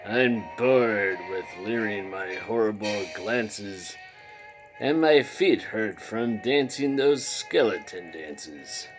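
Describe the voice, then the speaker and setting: Man playing bored skeleton, storybook poem, weary and dissatisfied, dramatic, unhurried delivery, background music. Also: on the low side, animated, poor audio. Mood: weary, fed up. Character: weary, bored, discontented male skeleton of Halloween land.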